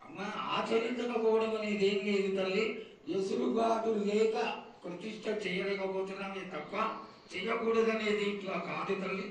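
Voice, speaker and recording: Casting: male devotee petitioning an oracle, very high voice, deferential pleading, heard at a distance in heavy echo. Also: steady tone, normal speed. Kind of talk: reverent ritual petition. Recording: echoing, distant mic, faint ambient noise.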